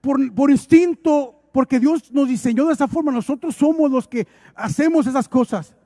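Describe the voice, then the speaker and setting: A man's voice: extremely high pitch, normal speed, dark tone, no room sound. A male preacher delivering an emphatic, exhorting sermon, lightened with humorous acted asides.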